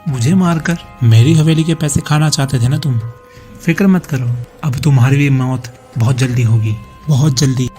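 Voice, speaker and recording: A man voicing the vengeful ghost of a murdered wife, now a witch, speaking slowly and with menace. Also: dark tone, faint music behind, lightly acted. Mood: taunting. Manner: menacing, slow and low. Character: vengeful female ghost witch in red sari.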